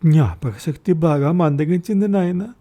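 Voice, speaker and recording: A man's voice: fairly high pitch, expressive, dark tone, voice pushed up, lightly acted. A man doing a forgetful old mother in her eighties. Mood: gentle confused. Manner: slow, wavering, confused questions. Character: forgetful elderly mother past eighty, gentle. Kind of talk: audiobook story reading.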